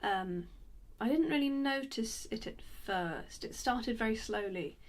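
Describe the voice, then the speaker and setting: A young woman, narrating her own strange story in a nervous, self-deprecating monologue with many halting fillers. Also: fairly high pitch, animated. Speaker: narrator and lead character. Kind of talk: first-person dramatic monologue.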